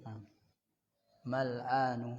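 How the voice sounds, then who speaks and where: A man's voice: medium pitch, flat delivery, very slow. A man teaching Arabic grammar in a lecture, repeating each word and posing questions he answers himself. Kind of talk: classroom lecture. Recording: dull lo-fi sound in a reverberant hall.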